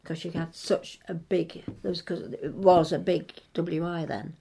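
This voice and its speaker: A woman's voice: lowish voice, fairly even intonation, unhurried, creaky, mellow, breathy edge. An older woman from England reminiscing in casual conversation, hesitant and rambling as she circles back to rephrase. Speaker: interviewee recalling local history.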